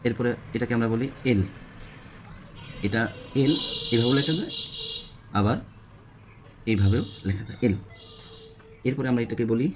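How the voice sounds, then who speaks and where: A man's voice: medium pitch, moderate pace, pauses often, slight background noise. A man with a Bangladeshi Bengali accent, teaching a spoken English lesson and checking in with his class. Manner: repeats questions to the class, frequent "হ্যাঁ?" checks.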